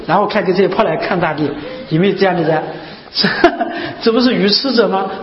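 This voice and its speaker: A man giving a Buddhist dharma talk, asking his listeners rhetorical questions and repeating key phrases again and again. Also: extremely high pitch. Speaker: Buddhist teacher. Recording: muffled, echoey hall recording with faint hiss.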